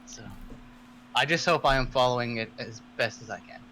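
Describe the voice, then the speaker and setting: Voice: medium pitch, normal speed, sharp tone, slight background noise, natural voice, rough recording. A man playing a humble, awed female druid who mutters reverently in a tabletop role-play.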